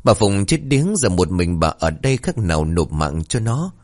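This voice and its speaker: Deep-voiced man telling a ghost story. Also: sing-song, moderate pace, a little mellow. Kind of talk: horror story narration.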